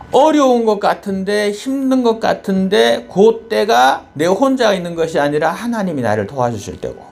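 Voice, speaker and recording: A male pastor delivers a sermon with a lively, swinging pitch, moving between quiet, low stretches and bright, raised exclamations. He tells a story with rhetorical questions, and faint music plays underneath.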